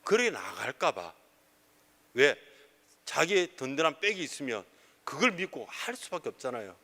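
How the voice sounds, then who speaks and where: A middle-aged male pastor preaches with a bright, forceful voice that sits a little high. His delivery swings widely in pitch as he fires off rhetorical questions and answers them himself. The sound carries a long reverb from the church hall. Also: sing-song, moderate pace. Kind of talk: sermon. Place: church sanctuary.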